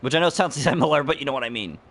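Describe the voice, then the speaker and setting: Rambling, animated young man streaming. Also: medium pitch, very fast. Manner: rambling, chatty, jokes and talks to a friend; often laughs mid-sentence. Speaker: streamer playing a video game. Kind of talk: casual let's-play commentary.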